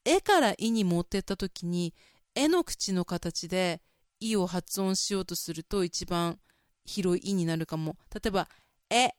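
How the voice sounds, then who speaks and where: A woman's voice: on the low side, lively intonation, unhurried, dry recording, studio quality. A woman hosting a casual spoken vocal lesson, explaining chattily and breaking into sung vowel demonstrations. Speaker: vocal coach and podcast host.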